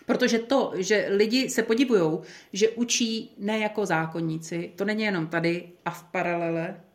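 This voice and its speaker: Woman, Bible study leader, conversational, hesitant fillers, thinking aloud. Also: mid-range voice. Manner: thoughtful, chatty, with many fillers and restarts. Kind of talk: leading a group Bible study.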